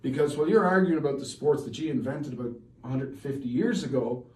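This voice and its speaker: A man's voice: medium pitch, quick pace, a little mellow. A man in his forties with an Irish accent, chatting casually as a guest and telling stories. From Ireland. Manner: chatty, storytelling. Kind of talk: casual chat. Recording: echoey room from far off, faint noise.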